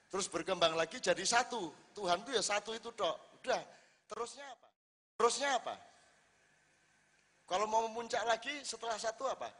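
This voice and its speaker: A man giving a casual, lively sermon at an Islamic gathering and asking his audience rhetorical questions. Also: a little high. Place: large assembly hall. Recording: long reverb in a large hall.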